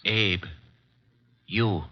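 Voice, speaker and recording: A man's voice: on the low side, expressive, extremely slow, slightly rough, heavily acted. An actor playing a nervous, obliging shoeshine man, hesitant and stammering, in a 1950s radio drama. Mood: nervous, deferential. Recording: dull, faintly noisy old radio recording.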